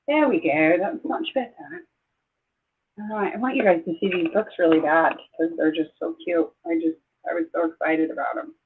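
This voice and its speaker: An older woman from Southeast Idaho hosting a casual livestream chat, rambling and exclaiming as she gets excited. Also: lowish voice, breathy edge. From Southeast Idaho, USA. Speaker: livestream host. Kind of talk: casual live-stream chat. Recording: tinny phone-like sound.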